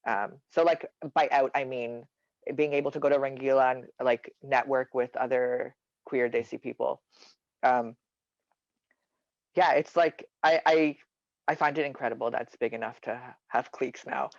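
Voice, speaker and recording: A man who performs in drag, a podcast guest in casual chat, animated and self-mocking. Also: mid-range voice, normal speed, dry recording. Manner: animated, self-mocking, laughs between thoughts. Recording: dull, dry lo-fi recording.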